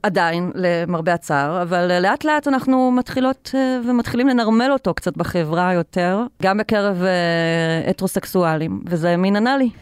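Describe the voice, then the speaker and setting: A woman hosting a podcast interview, chatting in a relaxed way and asking questions in a studio. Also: fairly low pitch, few pauses, clear, resonant tone, dry recording. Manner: chatty, asks questions and adds comments. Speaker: podcast host.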